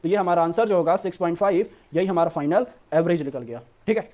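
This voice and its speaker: A man's voice: high-pitched, quick pace, a little mellow, dull audio. A man teaching an accounts lesson for board exams, coaxing students like a brother and repeating "theek hai" often. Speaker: commerce teacher. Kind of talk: online board-exam lesson.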